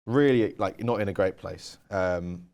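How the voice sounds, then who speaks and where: Here a young podcast co-host with a low, gravelly, darkish voice speaks a little slowly. His casual storytelling chat rambles along, packed with fillers like "like" and "um."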